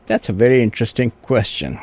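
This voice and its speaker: A Pakistani man, a native Urdu speaker and orthopedic surgeon, answers radio interview questions as a guest. His mid-range voice is quick, lively in intonation, darkish and breathy, with no echo. He comes across as earnest and thoughtful, often restarting sentences and saying "you know."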